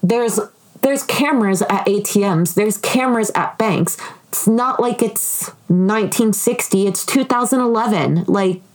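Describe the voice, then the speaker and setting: A woman's voice: fairly high pitch, a little slow. A woman with an American accent hosting a true crime podcast solo, telling stories in a chatty, informal way with casual swearing.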